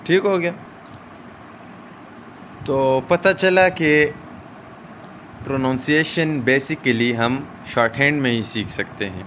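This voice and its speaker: A man teaching a recorded shorthand lesson, explaining step by step with drawn-out "aa" fillers and frequent checks like "okay?". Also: mid-range voice, fairly bright tone, slight background noise.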